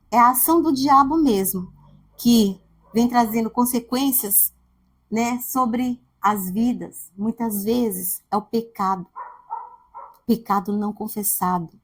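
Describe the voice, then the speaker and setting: A woman from Brazil preaching a sermon, telling a family story and acting out the quoted voices. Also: medium pitch.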